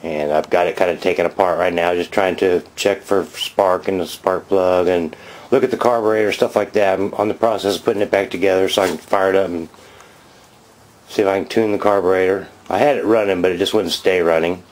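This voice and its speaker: A vlogger in his fifties films himself on a handheld camera outside by his garage, rambling and chatting through a show-and-tell of his finds with obvious excitement. His voice is deep and a little fast, and the audio quality is poor.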